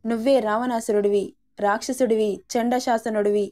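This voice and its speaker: A woman voicing a feisty young woman who scolds with a sharp tongue, in a storybook reading. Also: fairly high pitch, fairly even intonation, normal speed, lightly acted. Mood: scolding.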